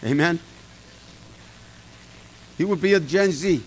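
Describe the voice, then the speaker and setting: Preaching informally to a small group, a middle-aged pastor talks straight to his listeners in a folksy, emphatic way. His voice is a little high and his pace slow. The audio is poor, with a little hiss or hum.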